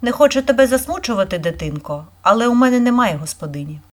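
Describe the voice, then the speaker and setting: A woman voicing a grumpy little male forest spirit in a read-aloud storybook, with a gruff, grumbling manner. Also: fairly high pitch, lively intonation, quick pace, pitched above the performer's own voice, lightly acted.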